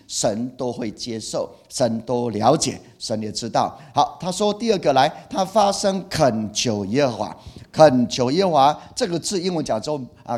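A middle-aged male pastor delivers a sermon in a mid-pitched voice. He's animated and expressive, repeating key phrases for emphasis and voicing his feelings through exclamations.

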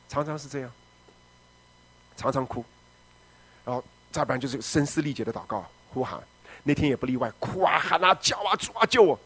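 Fast-talking dramatic pastor. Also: male voice, fairly high pitch, husky. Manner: dramatic storytelling, swings from loud shouting to quiet. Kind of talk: testimony sermon.

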